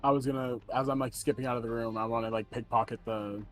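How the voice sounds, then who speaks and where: A man's voice: mid-range voice, steady tone, quick pace, faint music behind, low-quality recording. A young man playing a tabletop game, eager and playful as he describes his moves. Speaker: player.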